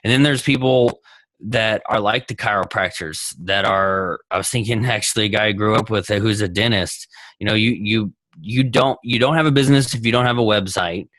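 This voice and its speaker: A man's voice: on the low side, moderate pace, a bit bright, no echo, poor audio. Enthusiastic Texan man on a video call. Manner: rambling, enthusiastic, lots of restarts. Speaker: guest entrepreneur. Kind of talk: casual interview over video call.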